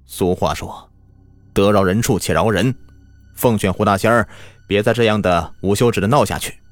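A hot-tempered, stern younger brother in a spoken folk tale, scolding with force and lively pitch, as a male storyteller plays him. The voice is close and dry. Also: brisk, no room sound, soft background music, natural voice. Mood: angry.

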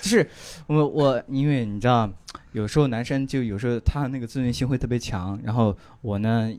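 A man's voice: mid-range voice, fairly quick, a little mellow. A man telling a story on a comedy chat show, hesitant, repeating words and laughing at himself. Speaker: comedian guest. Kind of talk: casual comedy podcast chat.

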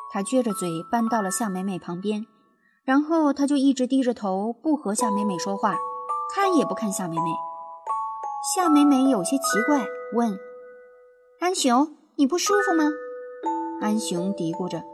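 A woman narrating a children's storybook in an expressive, lively storytelling manner. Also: a little high. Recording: music playing behind.

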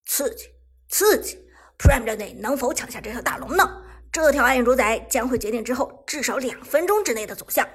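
Lady reading as a pumped-up guy shoutcasting a game match in a storybook, breathy voice, pitched up, loud hype. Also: animated, fairly quick. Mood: excited. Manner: loud, hyped play-by-play.

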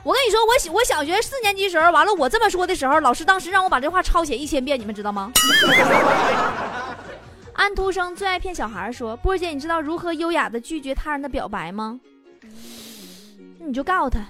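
Lively Northeastern Chinese woman radio host. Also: high-pitched. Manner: playful, teasing, laughs at own jokes. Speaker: radio host reading listener messages. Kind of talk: casual comedic radio chat. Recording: music bed behind voice.

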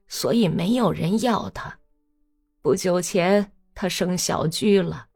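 A woman's voice: on the low side, vocal fry. A woman reading a novel aloud as an audiobook, telling the story expressively. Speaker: audiobook reader.

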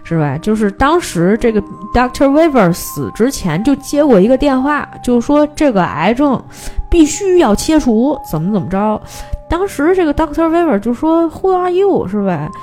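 A woman hosts a film podcast. She retells a movie plot in a casual, animated way and acts out the characters' lines. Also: high voice, normal speed, faint music behind.

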